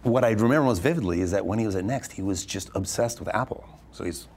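An Arizona-based venture capitalist gives quick, lively interview answers full of fast restarts. His pitch is fairly low.

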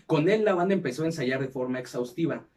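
A man's voice: fairly high pitch, lively intonation, quick pace, a little mellow, recorded from a distance. A man with a Mexican accent, hosting a casual podcast and telling a band's history, with heavy slang and crude banter. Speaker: podcast host. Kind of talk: casual chat, reading history.

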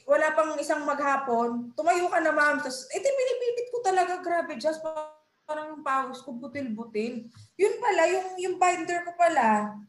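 A woman's voice: high-pitched, big pitch swings, normal speed, roomy sound, faint music behind. A young woman in casual chat, telling an emotional story with laughter and acting out the people she quotes. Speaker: podcast guest.

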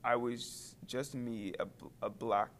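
A man's voice: mid-range voice, steady tone, slow pace, slight background noise. A teenage boy chatting casually, rambling and hesitant with lots of fillers. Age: teens. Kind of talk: casual chat.

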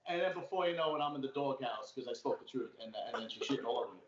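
This podcast guest talks in a rapid-fire, expressive, medium-pitched voice with an old-school Brooklyn accent, and a crowd can be heard behind him. Born in Brooklyn, New York, he chats casually, telling long, rambling stories full of loose swearing. He's calling in remotely from a home room, and the echoey space gives the recording a dull, lo-fi quality.

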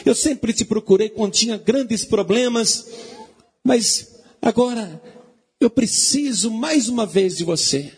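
A man voicing a dying king who begs his wives to go with him, his voice rising high and pleading. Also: slow, husky, big-room sound, exaggerated voice.

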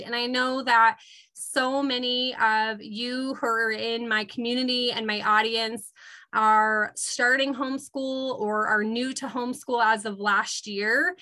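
Bright enthusiastic woman podcast host. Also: fairly high pitch. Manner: enthusiastic, warm questioning. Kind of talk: casual interview chat.

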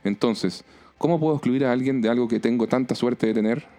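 A man's voice: medium pitch, brisk, dark tone, faint music behind, close to an everyday voice. A man voicing a self-assured male group leader who gives a persuasive little speech.

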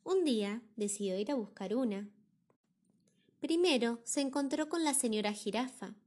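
Woman, Argentine accent, storybook read-aloud, gentle, expressive, slightly high. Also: normal speed. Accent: Argentine Spanish. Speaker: aunt reading to nephew.

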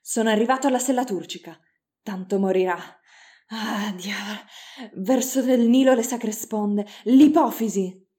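A woman's voice: fairly high pitch, a little slow, dark tone, natural voice. Woman playing a roaring, ferocious old surgeon. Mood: hissing urgent. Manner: roaring, hissing, commanding. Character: fierce older male surgeon professor, furious.

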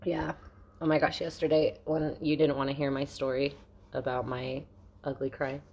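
A woman's voice: very deep voice, little pitch movement, normal speed, darkish tone, slightly rough. A middle-aged woman co-hosting a podcast, talking in a blunt, venting way and swearing freely in casual chat. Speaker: podcast co-host.

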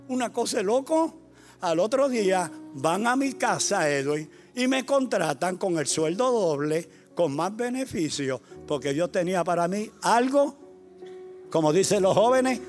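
An older man, a retired pastor preaching a sermon, repeating his phrases and swinging between quiet storytelling and loud exhortation. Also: sits high. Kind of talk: sermon with personal stories.

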